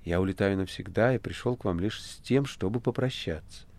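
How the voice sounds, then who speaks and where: A man's voice: low voice, a little fast, gravelly, darkish tone. A man reading the part of a weary, troubled male writer in an audiobook, his speech bitter and resigned. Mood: quiet, weary.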